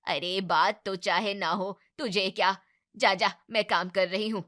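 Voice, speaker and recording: A woman plays a bitter, sharp-tongued mother-in-law in an animated family drama. She scolds in a harsh, dismissive tone, with her pitch in the middle range. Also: measured pace, close to an everyday voice. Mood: scolding.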